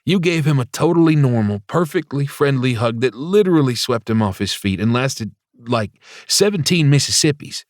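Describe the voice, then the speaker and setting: A man's voice: fairly low pitch, brisk, no echo, studio quality, close to an everyday voice. A man voicing a playful young male friend who teases in a gleeful, sing-song way. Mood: teasing.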